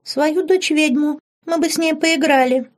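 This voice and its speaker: A woman's voice: high-pitched, steady tone, measured pace, pitched above the performer's own voice. A woman voicing a giggly little girl spirit trapped inside an old witch, in a thin, childish voice. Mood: playful, giggly. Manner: giggly, pleading.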